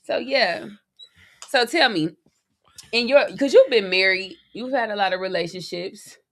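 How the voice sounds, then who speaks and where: Gravelly teasing woman co-host. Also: medium pitch, animated, unhurried, dry recording. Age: 30s. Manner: loud, playful, teasing, laughs often. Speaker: podcast co-host. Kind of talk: casual chat.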